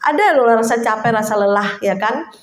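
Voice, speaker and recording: A woman's voice: on the high side, expressive, a little fast. A woman preaching a sermon at a prayer fellowship in a chatty, informal way, often stopping to hunt for words and calling her listeners brothers and sisters. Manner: conversational, addresses listeners as brothers and sisters, many fillers. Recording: roomy echo.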